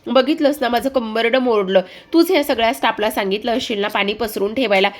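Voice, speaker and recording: A woman's voice: a little high, brisk, close to an everyday voice. A woman voicing a haughty middle-aged woman who accuses others and complains, in a television serial recap. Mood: aggrieved.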